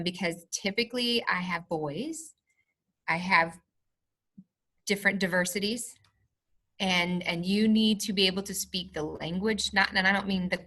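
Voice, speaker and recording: A woman's voice: on the low side, a bit bright. A woman, a school administrator, speaking earnestly and passionately in a podcast interview. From Missouri, USA. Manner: earnest and passionate, stressing words. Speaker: alternative school administrator, guest.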